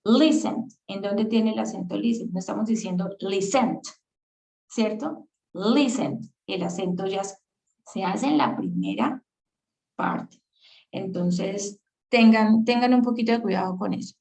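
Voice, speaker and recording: A woman teaches an English grammar class over a video call, explaining patiently and often asking questions to make sure students are following. Her mid-range voice is a little slow, gravelly, and warm, though the audio quality is poor.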